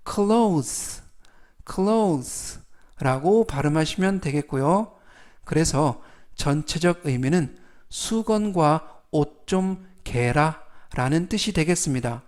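For learners whose first language is Korean, this man teaches English words slowly and carefully, saying each one clearly more than once. His pitch is fairly high, his intonation lively and his tone darkish.

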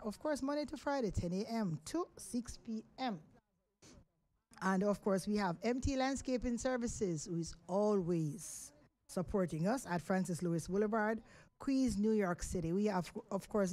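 Speaking into a studio microphone, this radio host is a middle-aged woman with a Jamaican accent running a live talk show. Her mid-range voice is a little mellow, and her talk is rambling and chatty, full of fillers.

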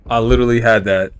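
A video game streamer with a smooth, mid-range voice casually commentates live on his game. He swears, thinks out loud, and yells in frustration at enemies while chatting with viewers.

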